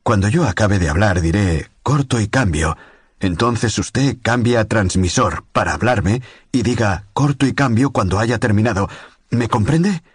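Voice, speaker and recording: A man voicing a tired, impatient official who speaks tersely but keeps himself calm. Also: lowish voice, unhurried, breathy edge, dry recording, clean studio sound, voice pushed up. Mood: tense, controlled. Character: weary, irritable older male official.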